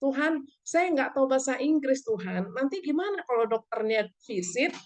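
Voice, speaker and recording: A woman's voice: high voice, very animated, moderate pace, darkish tone. An older woman from Indonesia gives an earnest church testimony over a video call, telling her story and acting out the dialogue. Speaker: testimony speaker.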